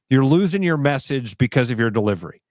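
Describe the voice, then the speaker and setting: Animated radio co-host, dry studio sound. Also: male voice, medium pitch, dry recording. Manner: animated, quick asides, laughs while talking. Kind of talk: casual sports talk radio banter.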